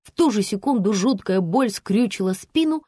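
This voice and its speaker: A woman narrating a first-person novel as an audiobook in a brisk, expressive way. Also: mid-range voice, no room sound, clean studio sound.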